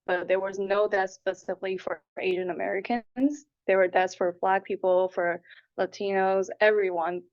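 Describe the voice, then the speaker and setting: Here the interviewee, a woman in her twenties with roots in Taipei and Hong Kong, talks at medium pitch with a steady tone and normal speed. Her answers are earnest and conversational. The audio quality is dull and lo-fi.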